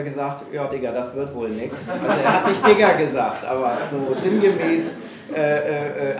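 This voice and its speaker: The speaker is a middle-aged man from Hamburg, Germany, appearing at a failure-stories evening in a small event room. Frank and self-deprecating before the live audience, he hesitates constantly, and his voice is a little high. Recorded distantly via the room PA, the sound is echoey with faint noise.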